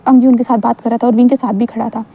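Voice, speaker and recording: A woman narrates a fan-fiction story in a chatty way and turns to speak directly to her listeners. Her voice is slightly high and husky with a dark, mellow tone, and she talks fast. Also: little pitch movement.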